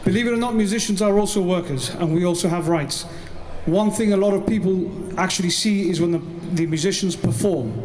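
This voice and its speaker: A man's voice: high-pitched, a little mellow. A man representing a musicians' union, giving an earnest rally speech and repeating words for emphasis. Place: outdoor rally. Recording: echoey outdoor PA with faint noise.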